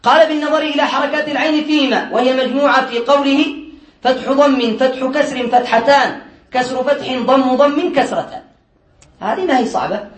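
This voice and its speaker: An Islamic studies teacher, a man with an extremely high-pitched voice, teaches Arabic morphology in a reverberant classroom. He drills word patterns through repetition, fires off quick questions he answers himself, and jokes lightly.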